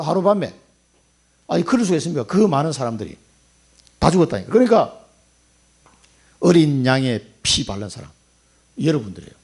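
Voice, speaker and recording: A male pastor preaching a sermon dramatically, acting out quoted voices and swinging between loud bursts and hushed asides. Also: high-pitched, breathy edge.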